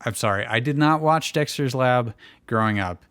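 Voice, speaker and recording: With a smooth, slightly bright, medium-pitched voice at a moderate pace, a male show host reads fan fiction aloud. He keeps breaking away to crack jokes and remark on the text in relaxed banter.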